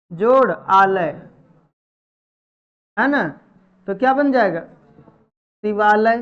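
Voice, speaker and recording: High-voiced woman teacher quizzing a class. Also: lo-fi sound. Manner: drills students with repeated questions and answers; chiding, familiar address to pupils. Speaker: Sanskrit grammar teacher. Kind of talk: live classroom teaching in Hindi. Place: classroom with students.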